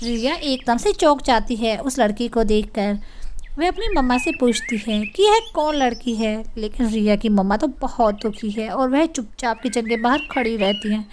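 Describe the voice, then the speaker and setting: A woman narrates a scripted children's story in a plain storytelling way. Her voice sits high. A faint noise runs behind her. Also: expressive, normal speed, a little mellow.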